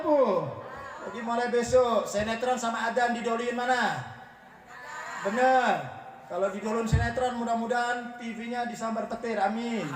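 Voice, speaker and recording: A man's voice: very high voice, slight background noise. A man preaching a humorous sermon, teasing his audience and often asking them whether he is right. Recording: echoey room, voice from far off the mic.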